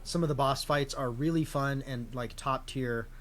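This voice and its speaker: A man's voice: mid-range voice, moderate pace, fairly bright tone. A man in his thirties from the United States, co-hosting a casual gaming podcast with dry, self-deprecating humor. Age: 30s. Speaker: podcast co-host. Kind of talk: casual chat. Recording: faint background noise.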